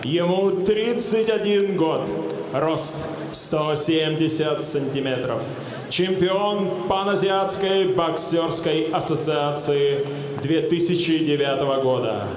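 A man ring announcer giving booming stage introductions of boxers, phrasing deliberately and drawing out names. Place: large indoor boxing arena. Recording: echoey arena PA with ambient noise.

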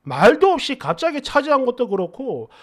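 High-voiced male narrator with lively intonation, telling a story in an exasperated, chatty way. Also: moderate pace. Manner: conversational, exasperated, rhetorical asides. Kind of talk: narrating a reader-submitted story in first person.

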